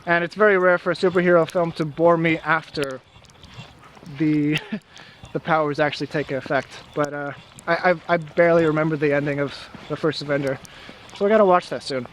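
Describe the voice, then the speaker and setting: Young man, high voice, casual vlog chat, hesitant fillers, outdoors in snow, faint background ambience. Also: fairly quick, slight background noise. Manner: relaxed, hesitant with fillers and restarts. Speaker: vlog co-host reading viewer comments.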